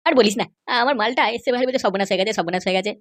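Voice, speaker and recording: A woman's voice: mid-range voice, rapid-fire, natural voice. A woman voicing a worried young cartoon man who rambles on about his girlfriend's family. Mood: grumbling. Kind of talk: cartoon voice acting.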